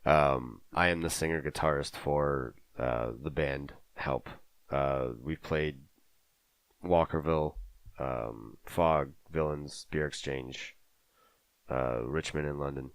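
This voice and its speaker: A man co-hosting a casual podcast from his home basement music room, talking in a halting way with many fillers and restarts. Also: extremely low pitch, smooth, no echo. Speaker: podcast co-host. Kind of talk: casual chat.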